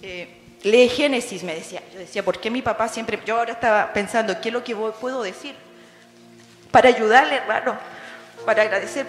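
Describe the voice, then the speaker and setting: Chilean accent, woman, middle-aged, heartfelt and emotional, testimony to a congregation, long hall reverb. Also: fairly high pitch. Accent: Chilean Spanish. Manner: heartfelt, emotional, calls listeners "hermano". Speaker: bereaved daughter giving testimony. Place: church hall. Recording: echoey church hall with faint music.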